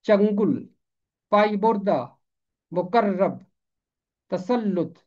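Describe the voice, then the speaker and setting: A man's voice: sits high, a little mellow. Man teaching careful pronunciation, lo-fi. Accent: Pakistani Urdu. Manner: slow, deliberate, repeats each word for drill. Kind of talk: measured word-by-word lesson. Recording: slightly dull lo-fi recording.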